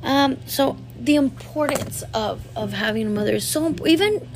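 A vlogger in her thirties with a high voice and lively intonation tells a personal story to camera at a normal speed against a noisy background. She's candid and rambling, full of "like" fillers, and speaks directly to her viewers.

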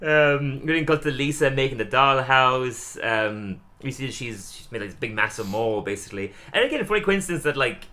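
A man's voice: medium pitch, fairly quick, few pauses. A young adult man co-hosting a podcast, casually recapping a cartoon episode with lots of laughs and acted-out quotes. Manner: animated, laughs often, acts out quotes. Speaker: podcast co-host.

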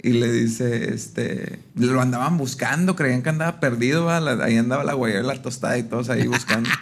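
A man's voice: medium pitch, fairly quick. A man, a comedian guest on a podcast, recounting old film scenes in casual chat. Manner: recounts scenes, acting out lines.

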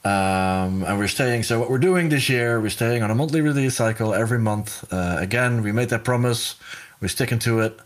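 A man's voice: mid-range voice, normal speed. A man hosting a podcast in casual chat, talking in a rambling way with restarts and laughter. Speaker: podcast host.

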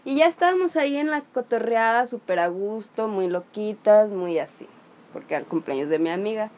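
A Mexican woman hosting a casual podcast chat, her voice of ordinary pitch. She tells anecdotes animatedly, full of slang, and acts out what others said. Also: lively intonation, fairly quick, a little mellow. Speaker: podcast host.

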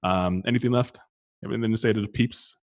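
Man, very deep voice, podcast host, casual sports chat, stumbles and repeats. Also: a little fast. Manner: relaxed, repeats words and restarts often.

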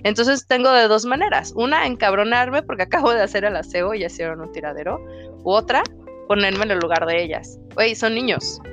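A woman with a Mexican accent talks in a casual, frank way, full of slang. Her voice sits at a middle pitch, and faint music plays underneath. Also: fairly quick, a bit bright. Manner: frank and slangy, acts out dialogues with her kids. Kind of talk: casual chat.

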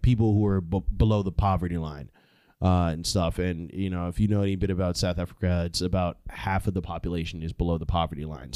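Mellow, low-voiced man podcasting casually. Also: no room sound, studio quality. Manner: informal, slangy, heavy swearing. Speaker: podcast host. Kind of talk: casual comedic monologue on current events.

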